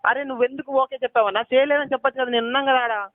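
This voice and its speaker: A man's voice: very high-pitched, fairly even intonation, rapid-fire, dry recording. A young man, arguing heatedly on a phone call, pleading, accusing and asking the same questions again and again. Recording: tinny phone call recording.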